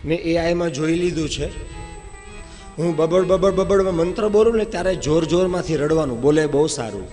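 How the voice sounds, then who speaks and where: A man's voice: fairly high pitch, moderate pace, a little mellow, big-room sound, faint music behind, natural voice. A man voicing the god Mahadev, coaxing and complaining to the infant Krishna during a religious storytelling. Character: male god Mahadev, pleading and playful.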